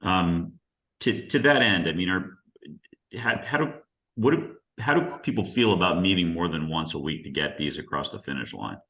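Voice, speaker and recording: Brief: low-voiced man chairing a committee, forceful tone, halting delivery, roomy echo. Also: expressive. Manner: halting, filler-heavy, procedural. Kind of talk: chairing a town committee meeting.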